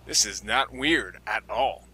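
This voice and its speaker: A man's voice: on the low side, slow pace, husky. A young man giving casual reaction commentary on scary film clips. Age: young adult. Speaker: reaction video host. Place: small dark room at home. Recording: loud film music behind.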